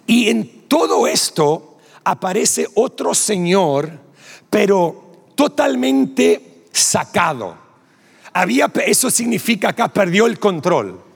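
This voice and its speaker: A Rioplatense Spanish-accented pastor tells a story from the pulpit, playing every part in it. His voice sits high and gravelly with a husky edge, and it rings out through a large hall with long reverb. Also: slow. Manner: animated storyteller acting out dialogue, laughing. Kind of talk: sermon with storytelling.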